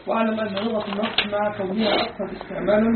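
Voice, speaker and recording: A man's voice: high voice, little pitch movement, very fast, a crowd in the background. A man, a student reading a classical Arabic grammar text aloud in class and answering his teacher briefly. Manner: brief affirmations between readings. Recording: tinny phone line in an echoey room.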